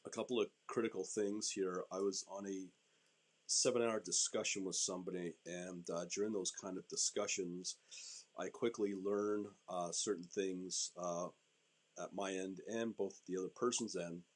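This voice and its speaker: A man with a deep, low-volume voice talks through a live stream as its host. His delivery is informal and rambling, like casual commentary on the markets given off the cuff. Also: steady tone, normal speed.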